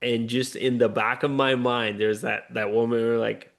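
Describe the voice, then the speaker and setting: A man's voice: medium pitch, level tone, moderate pace, gravelly, a bit bright. Earnest man. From Puerto Rico. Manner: earnest, upbeat, repeats "right?" often. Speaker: guest. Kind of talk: conversational interview.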